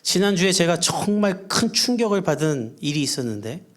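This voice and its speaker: A man's voice: a little high, big pitch swings, normal speed. Earnest conversational male pastor preaching. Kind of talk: sermon. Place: church service.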